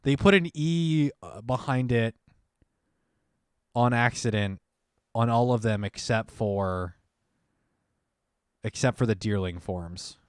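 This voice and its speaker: A man's voice: medium pitch, slow pace, long pauses, smooth, dry recording. Chatty male podcast co-host, dry sound. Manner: chatty, reads announcements aloud with side comments. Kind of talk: casual chat.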